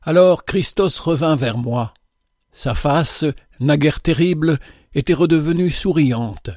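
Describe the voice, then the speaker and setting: A man narrates a literary tale in a measured, dramatic manner, his voice sitting slightly high for a man. He is miked close, and the sound is completely dry. Each sentence is delivered with storytelling weight. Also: a little mellow, no echo.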